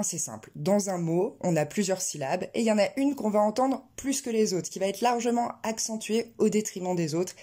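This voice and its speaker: A woman teaching an English pronunciation lesson, explaining clearly and slowing down to model words. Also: on the low side, dark tone.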